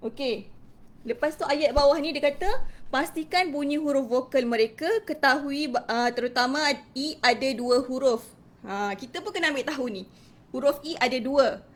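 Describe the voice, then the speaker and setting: A woman teacher with a Malaysian accent gives a casual live-stream lesson, chatting and sprinkling in little interjections as she greets viewers. Her voice sits high and moves at a moderate pace.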